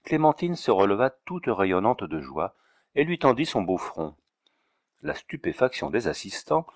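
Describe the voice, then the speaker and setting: A man narrating a classic novel in a measured, expressive reading. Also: mid-range voice, no echo, studio quality. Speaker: audiobook narrator.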